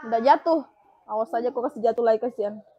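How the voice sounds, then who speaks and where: A young woman hosting an online shop live stream, pitching a product in upbeat, repetitive patter full of pet names for her viewers. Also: rapid-fire, lo-fi sound.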